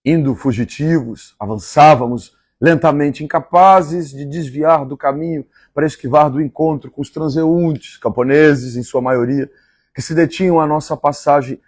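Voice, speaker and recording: Husky Mineiro man reading a novel aloud. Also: on the high side, darkish tone, no room sound. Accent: Mineiro Brazilian Portuguese. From Minas Gerais, Brazil. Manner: measured, repeats favorite lines and chats between passages. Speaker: live-stream host reading a novel aloud. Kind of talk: literary reading aloud with asides.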